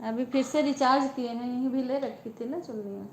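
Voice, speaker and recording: Lying down at home, a woman talks casually with viewers on a live stream, chatty and homely and often repeating herself. Her voice is high-pitched and a little fast, with a faint hiss or hum in the audio.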